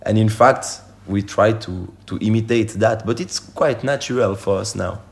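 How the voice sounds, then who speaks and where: A man whose first language is French talks about his music in an interview. His speech is animated and he acts out sung examples. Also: on the low side, moderate pace, gravelly. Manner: animated, breaks into singing examples. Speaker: musician guest. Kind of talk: interview answers.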